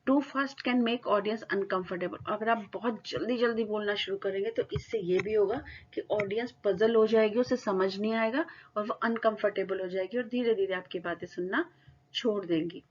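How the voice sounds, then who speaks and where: A woman teacher giving a lecture, explaining points in Hindi and reading English definitions out slowly. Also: mid-range voice, highs cut off. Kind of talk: classroom lecture.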